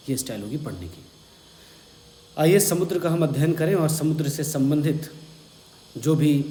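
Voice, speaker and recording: A man with an Indian accent teaching an exam-prep vocabulary lesson, slowly spelling out words and repeating them. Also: mid-range voice, mellow. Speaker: English teacher. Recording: echoey room with faint hum.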